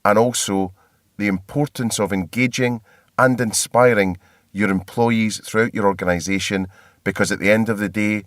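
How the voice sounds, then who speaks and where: Scottish podcast host guy, kinda low voice, chatty and joking, dry close sound. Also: fairly even intonation, normal speed, no room sound. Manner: chatty, laughs often, self-deprecating. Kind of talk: casual podcast chat. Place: hotel.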